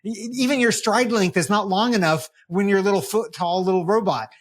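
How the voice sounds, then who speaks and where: A man's voice: high voice, fairly quick. A man co-hosting a casual tech podcast, joking and riffing with sarcastic asides. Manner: joking, animated, sarcastic riffs. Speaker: podcast co-host. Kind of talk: casual chat.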